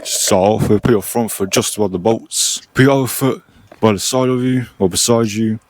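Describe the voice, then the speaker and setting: A man giving a casual, informal step-by-step beginner tutorial as host, recorded on a cheap, low-quality microphone. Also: normal speed, a little mellow, no room sound. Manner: informal, mildly sweary. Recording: cheap low-quality mic, noisy, clicks.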